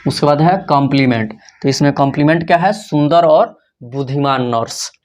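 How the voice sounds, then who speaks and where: A man's voice: fairly high pitch, fairly quick, darkish tone. A man teaching an English grammar lesson in Hindi, who keeps asking questions and answering them himself. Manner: asks questions and answers them himself, repeats key points.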